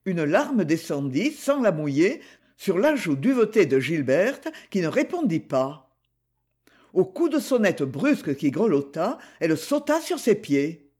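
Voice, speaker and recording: A woman narrating a literary audiobook in a measured way. Her delivery is slow, with a lively, expressive rise and fall of pitch. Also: husky. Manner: measured, unhurried. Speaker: audiobook reader.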